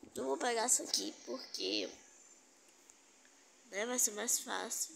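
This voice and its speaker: Gravelly woman commenting on a game. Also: fairly high pitch, sing-song, a little slow, a crowd in the background. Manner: chatty, talks to viewers, teasing opponents. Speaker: gaming streamer. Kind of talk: casual gameplay commentary.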